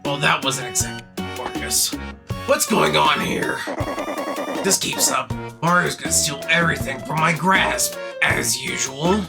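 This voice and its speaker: Someone putting on Bowser, a booming, gravelly monster villain. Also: unhurried. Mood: grumbling. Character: huge blustering male turtle monster king, crude and impatient. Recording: loud game music behind.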